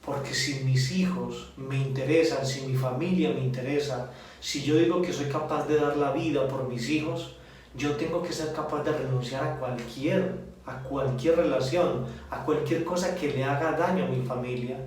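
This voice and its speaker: Colombian coast guy telling his testimony, halting, keeps restarting, mid voice, super echoey room, mic far off. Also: mid-range voice, a little mellow. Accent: Colombian Caribbean Spanish. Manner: halting, heartfelt, with many restarts. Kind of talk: personal testimony. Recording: echoey room, voice from a distance, faint noise.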